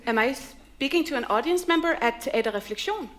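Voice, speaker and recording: Actress as an over-polite call-centre surveyor, eager, bright customer-service voice, a touch high. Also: female voice, expressive, fairly quick. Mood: cheery. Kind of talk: live music-theatre acting. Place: theatre stage.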